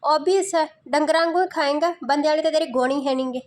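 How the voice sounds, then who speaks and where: Fast, high-voiced scolding woman. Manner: scolding, insulting, sarcastic. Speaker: roast commentator. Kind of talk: mocking roast commentary.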